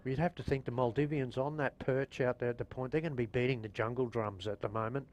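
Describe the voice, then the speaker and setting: A man's voice: fairly even intonation, quick pace, a little mellow, lo-fi sound. A man giving casual live surf co-commentary in a chatty, colloquial way full of exclamations. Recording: clear rumbling background noise.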